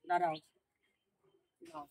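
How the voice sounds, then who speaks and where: A woman chatting casually on a phone video from behind her house, talking to the animals and viewers and scolding them gently. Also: slow, a little hiss or hum. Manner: talks to the animals and viewers, scolds gently, lowers voice to avoid neighbours. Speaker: vlogger feeding monkeys. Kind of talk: casual home vlog commentary.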